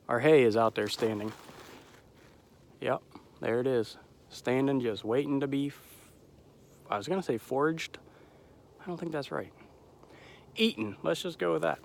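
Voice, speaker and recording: A man's voice: medium pitch, a little hiss or hum. Young male farmer filming himself in a field, slightly winded and stuffy, chatty and self-deprecating, mid-range voice. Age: young adult. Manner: rambling, self-deprecating, adds disclaimers. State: out of breath, has a cold. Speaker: farmer vlogger. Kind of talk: casual outdoor farm vlog. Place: outdoors in a winter pasture.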